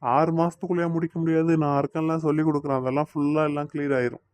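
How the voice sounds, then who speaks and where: A man's voice: on the high side, little pitch movement, rapid-fire, a little mellow, no echo, natural voice. A man voicing a teasing but doting young man in a cartoon, speaking with a Tirunelveli Tamil accent. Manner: teasing, coaxing, playfully scolding. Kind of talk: cartoon voice acting.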